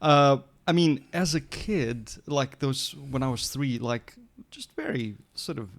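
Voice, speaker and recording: A man in his forties, originally from Portugal, answers podcast questions in an animated, rambling way with playful asides. His voice has a gravelly, fried edge at a mid pitch. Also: unhurried. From Portugal, raised in Mozambique. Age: 40s. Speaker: guest musician. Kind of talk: casual podcast interview.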